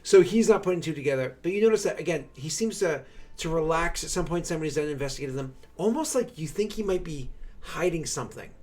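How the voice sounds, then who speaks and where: A man's voice: fairly high pitch, animated, fast talker, a little mellow. A man working as game master, improvising tabletop game narration in a chatty, rambling way with conversational asides.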